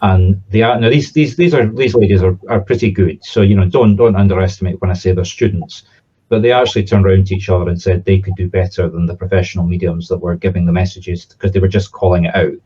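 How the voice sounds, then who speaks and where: Male, Southern Scottish accent, low and relaxed, informal explainer-teacher, slightly muffled sound. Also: fast talker, husky. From Scotland. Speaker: spiritualist medium and teacher.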